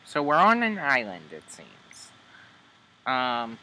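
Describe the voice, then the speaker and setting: A man hosting a video, casually commenting with many hesitant ums as he tries out story software. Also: medium pitch, huge pitch swings, slow, a little hiss or hum, rough recording.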